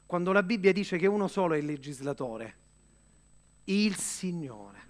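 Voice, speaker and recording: A man delivering a sermon in an earnest, measured way, with dramatic pauses and direct questions to the listener. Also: high voice, expressive. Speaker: preacher.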